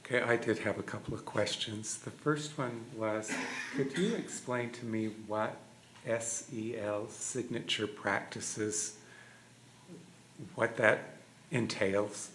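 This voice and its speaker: Brief: man chairing a board meeting, slow and low-voiced, echoey room with faint ambience. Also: steady tone, a bit bright, a little hiss or hum. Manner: slow, measured, hesitant.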